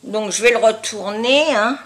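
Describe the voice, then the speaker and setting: Slow-talking woman with a honking, nasal voice. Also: on the high side, a bit bright, low-quality recording. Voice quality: nasal, honking, duck-like voice from blocked sinuses. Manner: halting, searching for words. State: congested with sinusitis. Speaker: beauty vlogger. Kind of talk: casual product-review chat to viewers.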